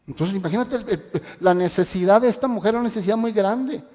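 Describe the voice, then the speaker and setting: A man's voice: high voice, quick pace, mellow. A man, preaching a radio sermon as pastor with passionate rhetorical questions. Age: adult parent. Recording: echoey hall reverb.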